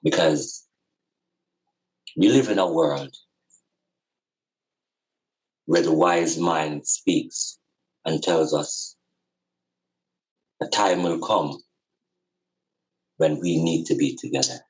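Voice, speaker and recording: With a slightly mellow bass voice, this podcast guest takes his time and pauses often while reflecting earnestly on life, spirituality, and community. He repeats phrases for emphasis, and the audio is poor.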